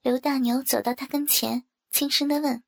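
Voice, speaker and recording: High, gravelly woman reading a story. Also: steady tone, normal speed. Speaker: audiobook narrator. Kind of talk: first-person story reading.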